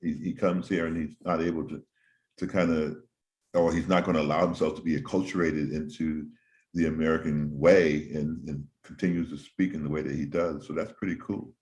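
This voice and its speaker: A man hosting a casual interview, talking at length in a thoughtful, rambling way with frequent pauses and um's. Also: very deep voice, flat delivery, darkish tone. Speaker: host.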